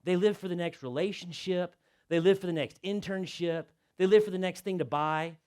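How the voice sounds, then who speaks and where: A man with a high-pitched voice speaks to a room of students as their guest speaker. He tells stories with lively energy, jumping from loud, emphatic bursts to hushed, deliberate lines. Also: smooth. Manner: animated, swinging from loud emphatic bursts to quiet slow lines. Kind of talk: storytelling talk to students.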